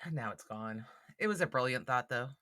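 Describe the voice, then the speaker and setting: A woman with a bright, clear voice that swings up and down a lot as she chats about a book. She laughs often and keeps the talk lively. The recording is close and dry. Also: rumbling low, brisk, no room sound. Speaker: podcast host. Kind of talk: casual book discussion.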